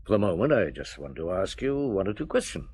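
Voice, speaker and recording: In a radio drama, a middle-aged man plays a patient police chief who questions a witness calmly and coaxingly. His low, husky voice is brisk, and he performs a full character voice.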